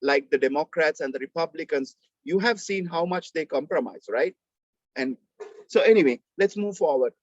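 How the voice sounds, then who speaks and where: Higher-voiced Sri Lankan man lecturing. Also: lively intonation, moderate pace, no echo. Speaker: university lecturer. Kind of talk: online class lecture, explaining a text. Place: online video call, close dry sound. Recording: slightly dull video call audio.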